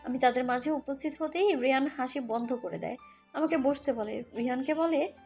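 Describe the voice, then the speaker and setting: Voicing both the narrator and the heroine, a woman delivers a scripted first-person romance audio story with music beneath her voice. She sits high in pitch with a darkish tone and speaks at normal speed.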